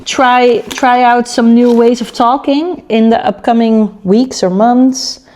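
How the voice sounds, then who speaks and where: A woman's voice: a little high, steady tone, slow, darkish tone, a little hiss or hum. A young woman from the Netherlands with a Dutch accent, chatting casually in a home kitchen vlog while she cooks. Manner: chatty, rambling, self-aware. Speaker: vlogger.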